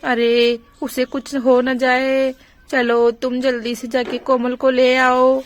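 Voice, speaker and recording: A woman's voice: high voice, monotone, slow pace. A woman voicing a fretful village mother who fusses and scolds, in a doll story role-play. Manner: fussing, scolding.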